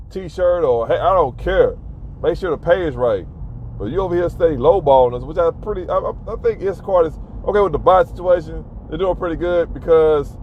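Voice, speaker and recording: A man vlogging casual advice to fellow delivery shoppers, talking emphatically and repeating himself to drive his points home. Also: a little high. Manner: emphatic, repetitive, advising viewers directly. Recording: tinny phone-like audio with faint car noise.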